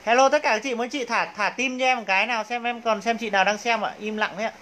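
A man's voice: very high voice, fairly even intonation, fast talker, pushed and bright. A man with a Northern Vietnamese accent selling clothes on a livestream in a coaxing, hyping salesman's patter. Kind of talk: live sales pitch.

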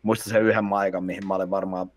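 Low-voiced swearing male guest. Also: level tone. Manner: profane anecdotal storytelling. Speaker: podcast guest. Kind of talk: casual podcast chat.

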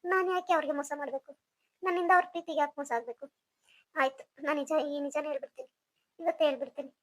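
A woman plays an anxious young woman in a home-made audio drama, talking quickly to herself in a high voice. She sounds earnest as she decides to confess. The sound is dry and close. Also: fairly even intonation, a bit bright, dry recording. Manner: earnest inner monologue.

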